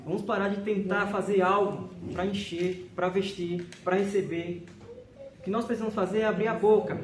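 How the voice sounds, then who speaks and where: A man from Brazil preaching a sermon, emphatic, slowly repeating each verse reference. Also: sits high, fairly even intonation. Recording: echoey hall with faint noise.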